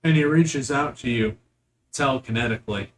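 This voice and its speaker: A man's voice: medium pitch, normal speed, slight background noise, poor audio. A man acting as game master, casually narrating a tabletop game with improvised, descriptive storytelling.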